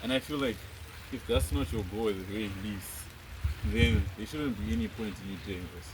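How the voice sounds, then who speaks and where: A man's voice: on the low side, sing-song, brisk, vocal fry. A man in his twenties from Zimbabwe, talking casually and earnestly to camera, rambling with lots of fillers. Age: 20s. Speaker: vlogger. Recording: noticeable background noise, rain.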